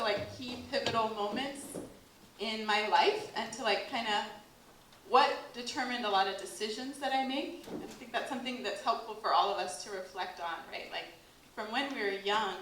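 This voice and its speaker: In an echoey event hall, an American woman in her late thirties gives a casual talk to a workshop audience. Her mid-range voice is fairly bright, and she's chatty, peppering her speech with "like" and laughing often. There's slight background noise.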